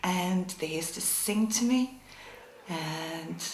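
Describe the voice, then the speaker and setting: A woman's voice: fairly low pitch, takes it slowly, reverberant, slight background noise, poor audio. A woman wryly recalling a nickname fans gave her.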